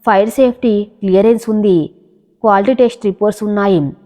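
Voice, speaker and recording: A woman's voice: medium pitch, a little fast, dark tone, close to an everyday voice. A woman voicing an earnest young husband pleading for his wife, in a storybook reading with long echoey reverb. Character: loving young husband, a builder.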